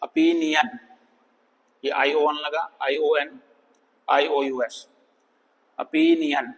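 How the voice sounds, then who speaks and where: A man teaching an English phonics lesson, sounding out words slowly and repeating them for students. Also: a little high, expressive, vocal fry, breathy edge, long reverb tail, rough recording. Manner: slow, drawn-out demonstration of words, calls students "bhai".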